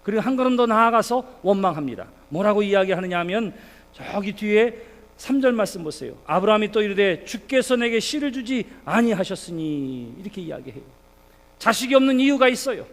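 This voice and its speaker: A man's voice: sits high, expressive, a little fast. A male pastor preaching a sermon in a church, speaking to the congregation and asking them rhetorical questions. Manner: asks the congregation rhetorical questions and quotes scripture. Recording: reverberant church hall.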